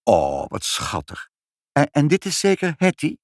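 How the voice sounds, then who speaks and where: A man's voice: a little high, huge pitch swings, measured pace, no room sound, studio quality, voice pushed up. A man voicing a kind, sweetly sly mother in a storybook reading. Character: sweet clever mother, gentle woman.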